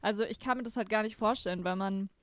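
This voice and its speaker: A woman's voice: medium pitch, fast, no room sound. A young woman co-hosting a podcast in casual, slangy chat, feeling her way through her sentences. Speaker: podcast co-host.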